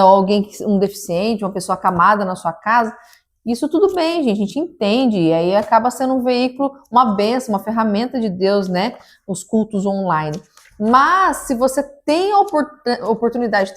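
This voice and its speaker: Earnest woman in faith chat. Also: on the high side. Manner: earnest, preachy, halting with restarts. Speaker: podcast co-host.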